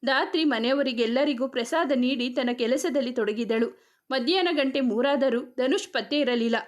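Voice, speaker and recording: A woman reading a romance story aloud in a steady, expressive storytelling manner. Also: high voice, moderate pace. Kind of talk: storybook narration.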